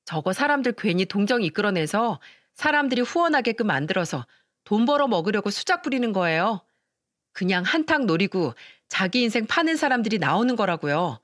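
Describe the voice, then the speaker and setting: A woman's voice: medium pitch, very animated, brisk, no room sound, studio quality, lightly acted. A woman voicing an arrogant, selfish young sister-in-law who talks with scorn and whining complaint. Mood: scornful whining.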